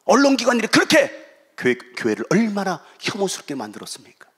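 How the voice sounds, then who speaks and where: A middle-aged man preaching a revival sermon as guest pastor, swinging between loud shouting and quiet asides and acting out quoted voices. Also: sits high, wildly swooping pitch, fast talker, husky.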